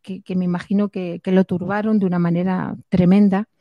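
A woman preaching a sermon, dramatic, often dropping to hushed tones for emphasis. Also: on the low side, flat delivery, a little fast, no echo, lo-fi sound.

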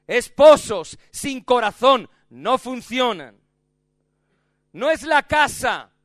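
A male preacher with a high voice delivers a sermon. He hammers home his points through repetition and dramatic swings in intensity, and the sound is dry and close. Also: fairly bright tone, no room sound.

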